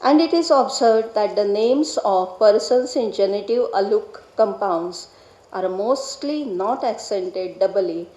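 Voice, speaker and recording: A woman delivers a formal lecture in a measured, deliberate way, carefully spelling out each technical term. Her voice is dark and mellow. The sound carries the echo of a lecture hall. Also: medium pitch. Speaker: lecturer on Vedic grammar.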